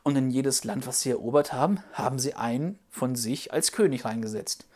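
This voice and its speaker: Low-voiced woman telling a children's Bible story. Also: fairly quick. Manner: patient, explaining gently, with playful hesitations.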